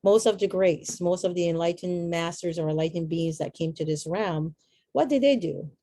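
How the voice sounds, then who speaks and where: A woman's voice: fairly low pitch, moderate pace, mellow, dry recording. A middle-aged woman from Barbados, giving an earnest, reflective inspirational talk with chatty asides. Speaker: motivational speaker.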